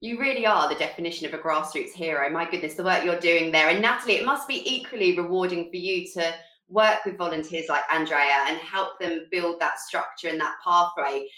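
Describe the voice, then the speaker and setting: Bright echoey woman host. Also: fairly low pitch, fairly quick. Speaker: radio host. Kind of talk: interview questions.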